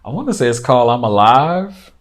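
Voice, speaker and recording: A man's voice: mid-range voice, brisk. A man speaking as a podcast guest in casual conversation, telling stories and acting out what people said. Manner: animated storyteller, acts out quotes.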